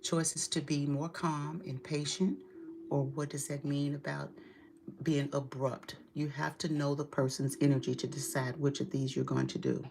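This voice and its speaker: A woman's voice: sits low, little pitch movement, normal speed, creaky, darkish tone, a little hiss or hum. A woman giving a tarot reading straight to her client, direct and emphatic, with casual swearing. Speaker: tarot reader.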